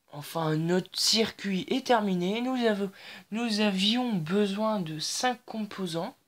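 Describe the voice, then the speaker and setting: Slow, hesitant woman explaining circuits. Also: medium pitch. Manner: hesitant, many fillers and restarts, self-correcting. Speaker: tutorial host. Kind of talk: screen-recorded logic tutorial.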